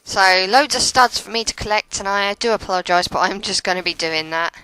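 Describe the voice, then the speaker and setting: A woman's voice: medium pitch, fairly quick, sharp tone, clean tone, no echo, poor audio. A woman giving casual commentary over a video game, often stumbling over her words and poking fun at herself. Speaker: let's play commentator.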